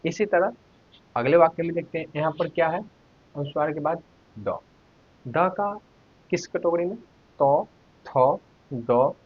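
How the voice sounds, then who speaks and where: A man teaching a Hindi grammar lesson online, asking the viewers questions and sounding out letters one at a time. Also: fairly high pitch. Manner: asks questions to viewers, then answers them. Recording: dull lo-fi recording.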